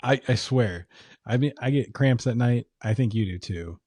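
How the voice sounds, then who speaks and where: A man's voice: mid-range voice, moderate pace, darkish tone, dry recording. A man co-hosting a podcast, chatting casually in easygoing, swearing bro talk. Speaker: podcast co-host. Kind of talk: casual chat. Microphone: podcast microphone.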